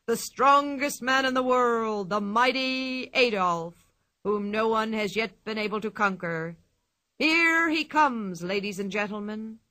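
A woman voicing a pompous, blustering male ringmaster who announces in a grand, drawn-out showman's style. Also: fairly high pitch, pushed and bright.

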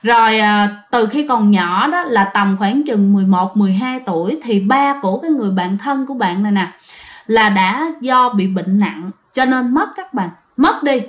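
A woman's voice: mid-range voice, lively intonation, normal speed. A woman, telling ghost stories in a chatty way and talking straight to her listeners. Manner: chatty, addresses listeners directly. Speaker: storyteller. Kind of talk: casual ghost-story narration.

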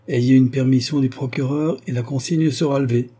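A man's voice: medium pitch, fairly even intonation, normal speed, dark tone, voice pushed up, lightly acted. A man reading the lines of a stern prison director who answers curtly by the rules. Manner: curt, formal. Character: stern male prison director, rule-bound.

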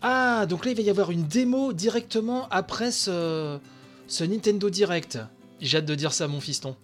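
A man with a slightly high voice gives chatty live reaction commentary for his games channel, worn out from the late hour. He breaks into excited outbursts and fills gaps with hesitations. Faint music plays behind him. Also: normal speed. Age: adult with young son. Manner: excitable, chatty, many fillers. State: very tired, late at night. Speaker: video game channel host.

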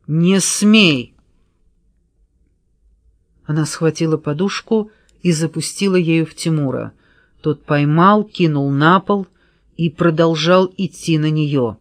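A woman reading an audiobook novel in a steady storytelling manner. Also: low-pitched, a little slow, dry recording, studio quality. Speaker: audiobook narrator. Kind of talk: scripted narration.

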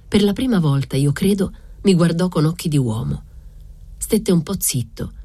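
A woman narrating a literary novel aloud in a measured, reflective way. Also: fairly low pitch, dark tone, slightly rough, no room sound. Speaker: audiobook reader.

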